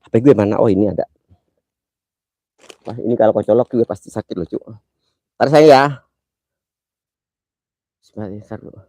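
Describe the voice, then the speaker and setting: A man hosts a live ghost-hunt stream from a cemetery at night, teasing and joking with his viewers in a playfully affectionate way. His voice is warm and mellow, with a stuffy, congested nose from a cold. The sound is close and dry. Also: on the low side, moderate pace, long pauses, no echo. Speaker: livestream host.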